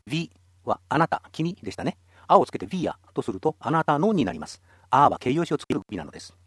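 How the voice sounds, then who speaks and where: A man's voice: on the high side, sing-song, fairly quick, slightly rough, dry recording, studio quality. A man teaching a radio language lesson, explaining patiently and encouraging listeners.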